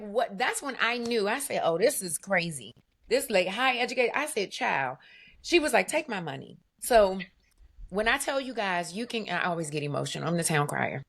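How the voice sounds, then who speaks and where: A woman guest, a business owner, telling her story in an animated, emphatic way with vivid asides. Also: medium pitch. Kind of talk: conversational storytelling.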